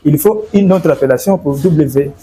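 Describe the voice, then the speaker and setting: A man's voice: a little high, moderate pace, mellow, slight background noise. A man from Congo explaining in an interview, hesitant and repeating words and fillers. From Democratic Republic of the Congo. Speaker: guest.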